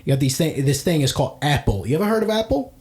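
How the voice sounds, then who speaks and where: A man's voice: on the high side, big pitch swings, fast, darkish tone. A man playing a crude, clueless podcast guru. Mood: boastful, rambling. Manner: rambling, crude, confidently clueless, fake-tearful. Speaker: comedy guest playing a clueless podcast expert. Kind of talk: improvised comedy sketch.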